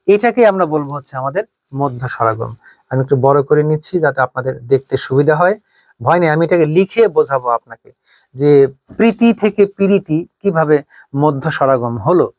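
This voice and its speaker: A man's voice: on the high side, no room sound. Patient man teaching grammar, dry close mic. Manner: patient, explains step by step and asks rhetorical questions. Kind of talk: online grammar lesson. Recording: dry, slightly dull close-mic sound.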